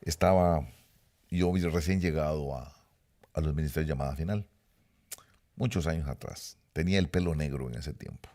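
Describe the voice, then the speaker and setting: A man's voice: extremely low pitch, creaky, darkish tone. A middle-aged man preaching a sermon, emphatic and repetitive, speaking straight to his listeners. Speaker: pastor.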